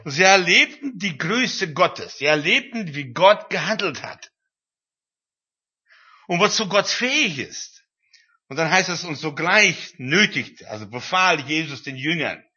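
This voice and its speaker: Man preaching, bright and husky. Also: on the high side, expressive, unhurried. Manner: retells scripture in a conversational tone, with many fillers. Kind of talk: sermon. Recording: dull, lo-fi recording.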